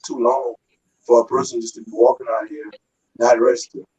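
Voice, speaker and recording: A man's voice: medium pitch, little pitch movement, brisk, darkish tone, husky. A man talking casually on a video call, his voice muffled as if through a wall and breaking up in places. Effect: muffled, as if heard through a wall. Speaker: guest on a call. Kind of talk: casual conversation. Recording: muffled call audio with dropouts.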